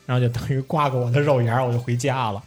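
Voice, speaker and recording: A man's voice: medium pitch, fairly even intonation, rapid-fire, husky, soft background music. A young man, a podcast host telling a story in casual chat, swearing and laughing often. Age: young adult.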